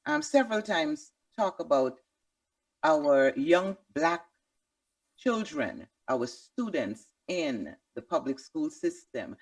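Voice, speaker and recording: Low, slow-speaking woman interviewer. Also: dry recording, far from the mic. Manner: halting, with many fillers and restarts. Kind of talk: interview questions.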